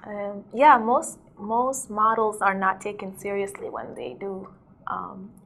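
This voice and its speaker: Slow-paced, gravelly, and a bit bright, this mid-range female voice belongs to a young DJ and model from South Sudan. In a chatty studio interview captured on a lapel mic, she laughs frequently and leans heavily on "like" and other fillers.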